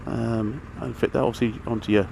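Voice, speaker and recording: Medium in pitch and steady, his slightly mellow voice moves a little fast and carries some vocal fry. He's a motorcycle vlogger chatting casually and matter-of-factly about gear while riding, rambling a bit, captured by a helmet mic with engine, traffic and outdoor noise.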